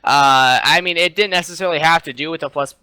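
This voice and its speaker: Male co-caster, bright and crisp, confident, dry close sound. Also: fairly high pitch, quick pace, dry recording, rough recording. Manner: confident, opinionated, hesitant fillers. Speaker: esports co-caster. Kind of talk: color commentary.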